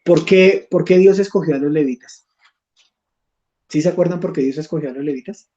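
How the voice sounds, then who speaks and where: A man's voice: fairly high pitch, brisk, warm tone, highs cut off. A man teaching an online Bible study class, reading scripture aloud and checking in with his listeners.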